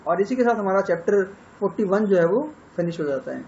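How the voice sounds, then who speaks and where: A high-voiced man with an Indian accent talks students through a novel's plot in a patient, explanatory lecture. He switches between Hindi and English and stops on fillers as he thinks. The sound is dull and lo-fi, with faint noise behind. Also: animated, brisk, a little mellow. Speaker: English literature teacher.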